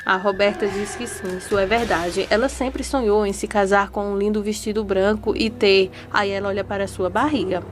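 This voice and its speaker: A woman's voice: medium pitch, steady tone, moderate pace, hardly any pauses. A woman retelling telenovela episodes in a casual, chatty way, joining her sentences with fillers. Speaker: telenovela recap narrator.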